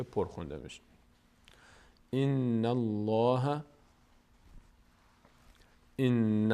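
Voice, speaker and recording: A man teaching Quran recitation step by step, patiently repeating words slowly and drawn out, then explaining the rules quickly. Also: fairly low pitch, warm tone. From Tajikistan.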